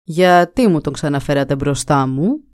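A woman's voice: deep voice, lively intonation, a little mellow, no echo, clean studio sound, voice pushed down. A woman reading a folk tale aloud and voicing a stern older king who talks in a commanding, reproachful way. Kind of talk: storybook reading.

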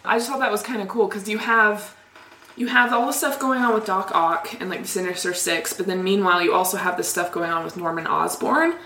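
A woman's voice: mid-range voice, fairly even intonation, brisk, sharp tone. Woman on a podcast, rambly and giggly, lots of "like", roomy sound with faint background hum. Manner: chatty, laughs often, many "like" fillers. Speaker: podcast co-host. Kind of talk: casual chat. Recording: echoey room with faint ambience.

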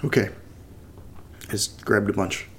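Speaking in a fairly low, natural voice, a man plays a reluctant and uneasy character in a horror audio drama, muttering haltingly as he explores somewhere creepy and reads strange letters. Part of this naturalistic found-recording monologue is a letter read aloud. A little hiss or hum sits in the recording, and the mood is subdued.

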